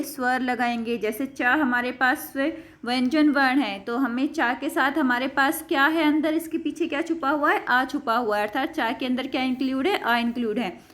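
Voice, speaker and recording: A young woman teaches a class of children in a patient, repetitive way, saying each word slowly and calling the students "beta". Her voice sits high and carries clearly. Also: fairly bright tone. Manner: patient, repeats words and calls students beta. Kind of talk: Sanskrit lesson for children.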